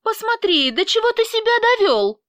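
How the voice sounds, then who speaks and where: A woman voicing a distraught, defiant young mother with shrill, tearful outbursts. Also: animated, unhurried, fairly bright tone, no echo, studio quality. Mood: anguished.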